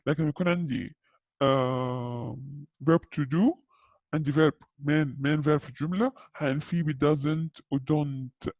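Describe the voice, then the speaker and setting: Slow-explaining man teaching grammar. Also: on the high side, fairly even intonation, gravelly, a little mellow, no echo. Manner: slow, carefully spelled-out English examples; checks in often with listeners. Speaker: English teacher. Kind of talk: grammar lesson explained in Arabic.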